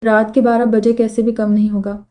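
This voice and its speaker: A woman's voice: fairly high pitch, little pitch movement, a little fast, mellow, close to an everyday voice. A woman voicing a playful young bride in a storybook reading, sulky and on the edge of tears. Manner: sulky, tearful.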